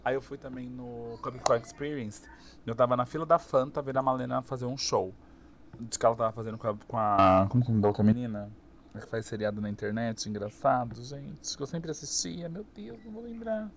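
A young man with a Brazilian Portuguese accent, chatting casually as a guest and telling lively stories, laughing often and acting out what people said. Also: mid-range voice, brisk, crowd noise. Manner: animated storyteller, laughs often, acts out quotes. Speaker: streamer guest. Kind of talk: casual podcast chat.

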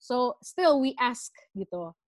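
A woman's voice: fairly high pitch, expressive, slow pace, dry recording. A woman patiently explaining things in a casual chat, slipping in English phrases. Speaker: guest explaining emotions.

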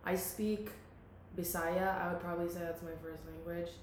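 A Filipino woman in her twenties, a student and local model, chats casually as a guest, laughing often and filling her speech with "like." Her voice is lowish and steady at a moderate pace, captured in a very echoey room with faint hiss.

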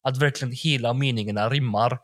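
A man's voice: mid-range voice, a bit bright. A young man from Gothenburg with a Gothenburg accent, co-hosting a podcast and chatting eagerly about hip hop, full of slang and swearing. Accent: Gothenburg Swedish. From Backa, Gothenburg, Sweden. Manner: slangy, swears freely, enthusiastic. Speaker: podcast co-host.

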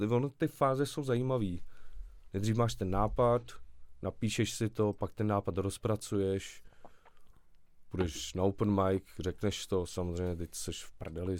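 Low-voiced man chatting casually, dry mic. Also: no room sound. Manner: relaxed, rambling storytelling with slangy asides. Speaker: podcast guest, stand-up comedian. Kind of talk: casual conversational interview.

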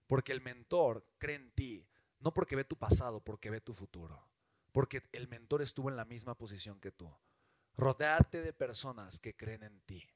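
A man with a Mexican accent giving an animated, emphatic motivational talk as a business mentor, often asking rhetorical questions. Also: mid-range voice, dry recording. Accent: Mexican Spanish.

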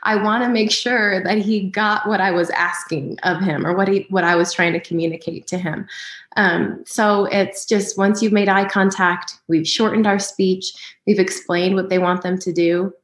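A woman's voice: medium pitch, steady tone, normal speed. Woman giving parenting advice, roomy sound. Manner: practical, frequent "um" and "right?". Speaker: parenting guest speaker.

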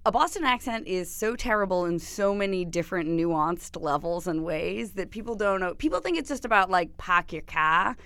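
A woman from Massachusetts co-hosting a podcast in casual comedic chat, joking and animated. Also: medium pitch, moderate pace, hardly any pauses, smooth, no echo. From Massachusetts, USA. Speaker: podcast co-host.

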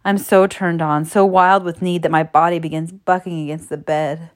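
A woman narrating a first-person erotic story in a soft, steady, intimate reading. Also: lowish voice, moderate pace.

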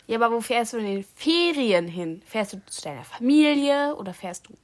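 A woman casually hosting a challenge, speaking deliberately to someone wearing headphones and repeating her questions and key words. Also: fairly high pitch, sing-song. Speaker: host.

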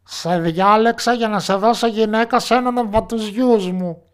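A man voicing a boastful, ragged goblin father in a storybook tale, calling out loudly and coaxingly. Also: high-pitched, smooth, pitched above the performer's own voice, natural voice. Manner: loud coaxing calls.

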